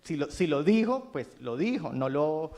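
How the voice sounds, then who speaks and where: A man's voice: fairly high pitch, sing-song, moderate pace, darkish tone. Chatty anecdotal male moderator. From Colombia. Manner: anecdotal, many fillers, explains patiently. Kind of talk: conversational storytelling. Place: university lecture room.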